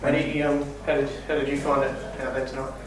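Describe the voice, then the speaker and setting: A man's voice: medium pitch, little pitch movement, fast. Distant man asking questions in an echoey room. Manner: plain questioning. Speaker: reporter. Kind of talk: press conference questions. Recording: echoey room, off-mic from a distance, clear hiss.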